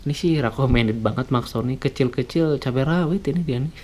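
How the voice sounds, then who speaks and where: A man from West Java, Indonesia reviews products in a casual, jokey, unscripted way, chuckling often and speaking colloquially. His mid-range voice has a darkish tone and moves a little fast. The recording is noisy and clicky.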